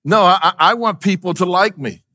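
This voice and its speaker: Male pastor, middle-aged, slightly high voice; conversational sermon with questions to the congregation. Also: fairly quick, sharp tone. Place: church.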